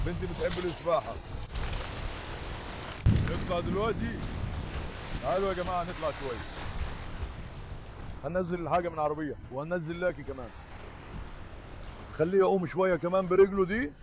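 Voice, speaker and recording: An Egyptian man talks quickly in a high voice, chatting through a vlog as he coaxes his dogs at the seashore. He speaks into a handheld microphone outdoors, with a faint hiss of noise behind him. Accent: Egyptian Arabic. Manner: calls out eagerly and affectionately to his dogs.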